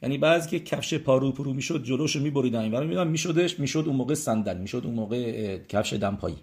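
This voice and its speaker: A man's voice: medium pitch, lively intonation, darkish tone. Man teaching a religious lesson, hesitant. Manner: conversational, many hesitations and rhetorical check-ins.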